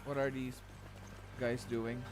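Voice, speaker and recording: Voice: mid-range voice, flat delivery, slow pace. A gamer giving casual commentary on a playthrough, with informal, slangy reactions. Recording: loud game music behind the voice. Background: loud video game music.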